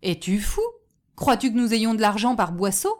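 A woman's voice: medium pitch, normal speed, a little mellow, lightly acted. A woman voicing an angry crowd of shoemakers and tanners, scornful and jeering.

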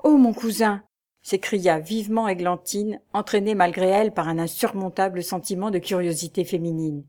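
A woman reads a classic novel aloud as an audiobook narrator. Her reading is measured and clear. It has an even literary flow. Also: lowish voice.

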